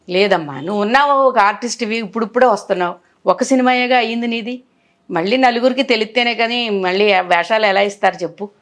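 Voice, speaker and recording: An older actress tells stories from her career with feeling, slipping into the voices of the people she quotes. Her voice sits a little high for a woman, and she keeps the tone of a long interview. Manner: animated, acts out others' words in quotes. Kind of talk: emotional storytelling in an interview.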